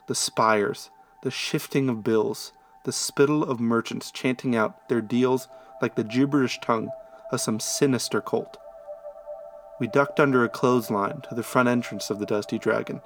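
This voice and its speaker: A man narrating a first-person story in a conversational way that grows animated at tense moments. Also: mid-range voice, moderate pace, slight background noise.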